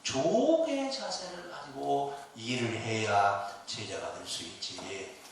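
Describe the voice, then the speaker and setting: A man's voice: medium pitch, animated, takes it slowly, a little hiss or hum. A middle-aged male pastor preaching a sermon in a church, telling a story and asking the congregation rhetorical questions. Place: church sanctuary. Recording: echoey church from far off.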